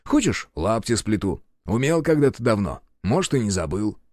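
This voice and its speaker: A sardonic, easygoing vampire, played by a male reader who trades mocking quips in a lively, bouncing voice. The sound is dry and close to the mic. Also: lowish voice, normal speed, no room sound. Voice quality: wry, mocking banter.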